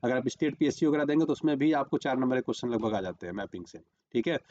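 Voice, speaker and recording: A man's voice: mid-range voice, animated, fast talker, a little mellow, highs cut off. A man teaching a current-affairs lesson for exam prep, repeating "remember" and "okay" while marking a map on screen.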